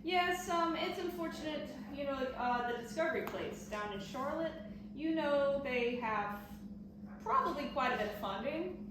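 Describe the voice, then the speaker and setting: A woman's voice: high-pitched, animated, moderate pace. A woman from the Southern United States giving casual, explanatory answers in an interview. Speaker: taxidermist being interviewed. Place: echoey indoor workshop. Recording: very echoey, distant mic, noisy room.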